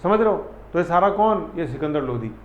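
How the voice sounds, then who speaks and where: Fairly high-pitched, animated and brisk, this history teacher runs an exam-prep lesson in a chatty, repetitive style, frequently putting questions to his students. It's recorded in an echoey room with dull audio and faint ambience.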